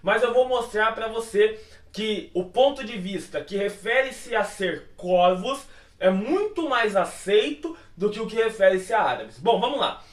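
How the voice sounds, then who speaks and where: A man's voice: high voice, animated, a little slow, distant mic. A Brazilian man, a pastor, explaining Bible words in a teaching style. He poses questions to himself and answers them, with frequent checking tags. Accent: Brazilian Portuguese. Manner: explanatory, asks and answers his own questions. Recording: echoey room, voice off-mic.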